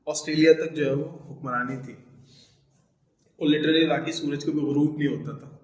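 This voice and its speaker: Male tutor, slightly high voice, patient lesson delivery in an echoey room with muffled lo-fi audio. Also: fairly even intonation, darkish tone. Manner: explains in Urdu-Hindi, reads English lines slowly, frequent "theek hai". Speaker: teacher. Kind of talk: online lesson lecture. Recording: echoey room, dull lo-fi sound.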